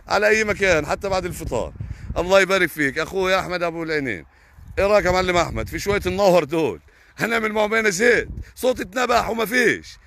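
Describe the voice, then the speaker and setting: Speaking with an Egyptian Arabic accent, a young adult farmer on a live stream replies to viewer comments indignantly and heatedly, swearing oaths again and again. His voice sits high with a sharp tone.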